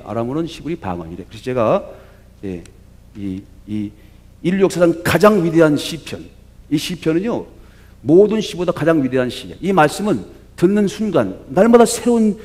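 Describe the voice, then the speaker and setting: A male pastor giving a sermon, moving from quiet asides to loud, rousing exhortation. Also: mid-range voice. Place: church sanctuary.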